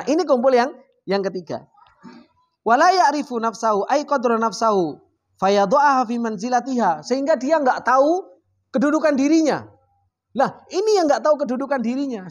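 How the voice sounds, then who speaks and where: Guy teaching a religious study group, chatty, keeps asking the crowd questions. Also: very high voice. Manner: lively, asks the audience rhetorical questions; reads Arabic phrases then explains them. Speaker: Islamic teacher. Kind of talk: casual religious study talk.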